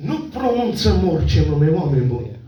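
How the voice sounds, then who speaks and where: A man preaching a fervent sermon, often breaking into shouts of praise. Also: fairly high pitch, sing-song, muffled recording, a crowd in the background. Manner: fervent, with frequent call-outs of praise. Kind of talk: Pentecostal-style sermon. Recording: very echoey, distant mic in church.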